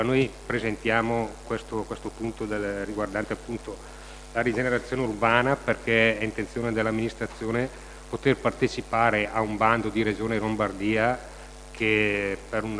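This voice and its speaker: A man's voice: on the low side, a bit bright. A man hesitantly introducing an agenda item at a council meeting, repeating himself and searching for words. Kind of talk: informal spoken presentation at a council meeting. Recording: noisy, echoing meeting hall.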